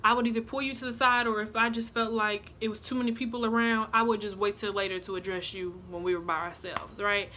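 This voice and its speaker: A woman's voice: mid-range voice, fast talker, few pauses, slight background noise. Chatty young woman telling a story. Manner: chatty, animated storytelling with asides to viewers. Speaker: vlogger. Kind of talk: casual storytime.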